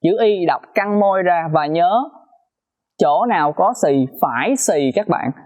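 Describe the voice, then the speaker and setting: A man teaching a pronunciation lesson, repeating sounds slowly and emphatically to demonstrate them. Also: sits high, animated, darkish tone.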